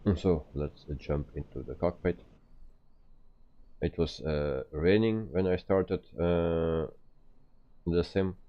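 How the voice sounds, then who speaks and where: Very deep, slow-talking man streaming, dull sound. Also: fairly even intonation. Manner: hesitant, explaining step by step. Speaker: flight simulator live streamer. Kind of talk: casual game commentary.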